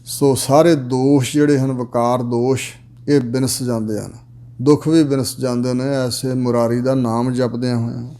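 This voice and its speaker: A man expounding scripture, chanting each verse slowly and then explaining it word by word. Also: medium pitch, little pitch movement, mellow. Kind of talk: religious exposition.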